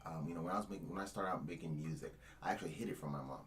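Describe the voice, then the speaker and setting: A young Cameroonian man, a media creator appearing as a guest on an interview show, tells a story loosely and ramblingly, often saying "you know" and "right?". His very deep voice comes out rapid-fire and a bit bright, with a little hiss or hum.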